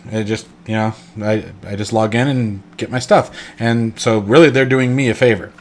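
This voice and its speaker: A man with a lowish, stuffed-up voice hosts a casual screen-recorded flight sim tutorial for his channel. He speaks at a normal speed with fairly even intonation, rambling, correcting himself, and using lots of fillers.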